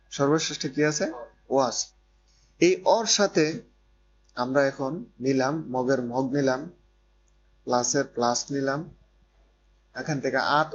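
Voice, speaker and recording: A man teaching a grammar lesson who keeps repeating points and asking if students follow. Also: a little high. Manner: repeats points and checks understanding. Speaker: Korean language teacher. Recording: dull lo-fi recording with faint noise and hum.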